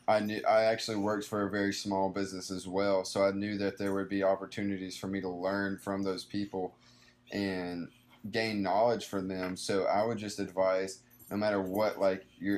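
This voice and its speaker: A man in his twenties, a young small business owner, giving earnest, rambling advice in a casual conversation, full of fillers and restarts. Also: low-pitched. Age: 20s.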